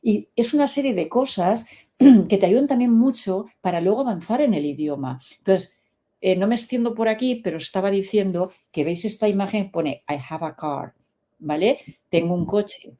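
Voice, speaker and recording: A woman's voice: medium pitch, moderate pace. A middle-aged woman, explaining her English teaching method as an interview guest and acting out little stories. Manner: animated storyteller, acts out quoted dialogue.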